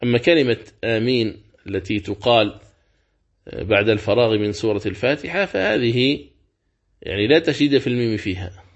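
Slow, deliberate male Quran teacher. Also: fairly low pitch, dull audio. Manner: slow, deliberate, repeats key words, draws out examples. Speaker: sheikh teaching Quran recitation rules. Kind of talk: religious lesson, explaining and repeating.

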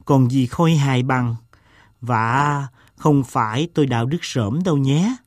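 A man reading a story aloud, voicing an eccentric, self-mocking gentleman who tells a long tale in a slow, deliberate way. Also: medium pitch, no echo, studio quality, close to an everyday voice. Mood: wry.

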